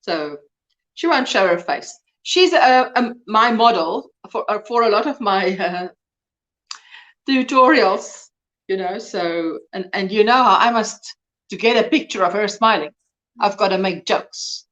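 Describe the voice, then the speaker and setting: A woman's voice: medium pitch, expressive, unhurried, a bit bright. A woman in her early fifties hosting a live crochet chat. She talks casually, reads and answers viewers' comments, and laughs often. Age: 50s.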